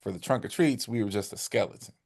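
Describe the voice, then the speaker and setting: A man's voice: lowish voice, fast, gravelly, darkish tone, slightly rough. Playful man in podcast banter. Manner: playful, repeats phrases for emphasis. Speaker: podcast co-host. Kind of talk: casual chat.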